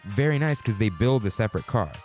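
Here is a young man in his twenties, co-hosting a casual podcast. His voice sits a little low but swings up and down a lot as he tells stories, laughing as he goes. Soft music plays underneath. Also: quick pace. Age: 20s. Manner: animated, laughing storyteller. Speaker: podcast co-host. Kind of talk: casual chat.

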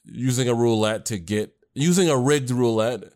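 A man's voice: mid-range voice, normal speed, darkish tone. A man co-hosting a casual podcast chat, rambling with fillers and restarts. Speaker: podcast co-host and anime creator.

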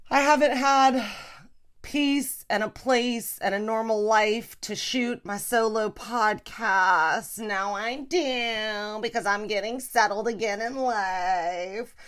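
A woman's voice: mid-range voice, takes it slowly. Chatty, frank woman comedian. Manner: animated, chatty and frank, with frequent laughs and playful swearing. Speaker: podcast host and comedian. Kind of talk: casual solo podcast chat.

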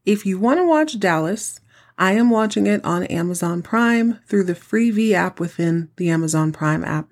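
A woman's voice: mid-range voice, expressive, normal speed. A woman hosting a casual TV recap podcast, chatty and campy, with theatrical, dramatic emphasis. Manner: theatrical, campy show-host delivery. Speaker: podcast host.

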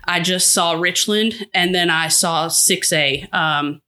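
A woman in her thirties, a television meteorologist, talks through her story in a casual interview. Her voice is bright and ringing, and a slight Massachusetts accent colors her quick delivery, with easy laughs dropped in between thoughts. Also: on the low side. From Georgia. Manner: fast-talking, laughs often. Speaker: TV meteorologist, guest.

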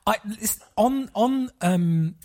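A man in casual podcast chat, enthusiastic and talking in quick bursts. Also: sits high, expressive, dark tone.

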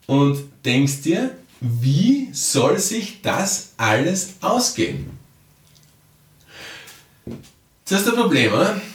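A man coaching the listener directly and often checking in with a quick "ja?". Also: on the high side. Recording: roomy sound, mic at a distance.

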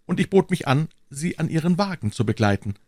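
A man voicing a refined, evasive young musketeer with a high, strained, coy delivery. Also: very animated, brisk, darkish tone, no echo, clean studio sound.

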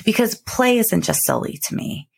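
A woman hosting a solo podcast in a casual, intimate, reflective way, recorded close up in a bedroom, drawing out words with pauses. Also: on the high side, lively intonation, vocal fry, slightly rough. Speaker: podcast host. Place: cozy bedroom, recording from bed.

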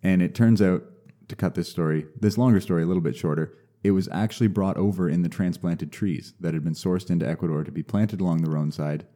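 A young man, a mycologist guest, talking casually and explaining things in a measured way with some restarts. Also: low voice, dark tone. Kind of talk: casual podcast interview.

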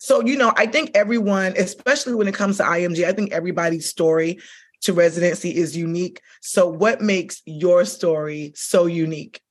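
A woman's voice: on the low side, brisk. A woman hosting an interview podcast, enthusiastic and chatty, peppering her questions with "like" and "okay?". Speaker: podcast host.

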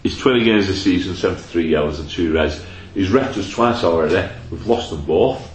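A podcast host with a low, slightly fast male voice runs a casual football chat, rattling off stats and tag questions. The room is echoey, with faint noise.

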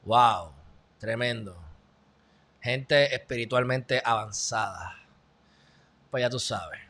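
Speaking slowly, this video host from Puerto Rico has a mid-range, fairly bright voice and a Puerto Rican Spanish accent. His news commentary for viewers is loose and chatty, peppered with jokes on the side.

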